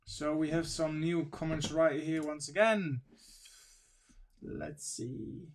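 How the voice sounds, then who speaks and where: A man with a slightly raised pitch hosts a casual livestream, reading articles and viewer comments aloud as he goes. His delivery is loose and wandering, and he sounds sniffly from allergies. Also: steady tone, slow, a little hiss or hum. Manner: reads news and chat aloud, wandering and informal. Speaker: stream host.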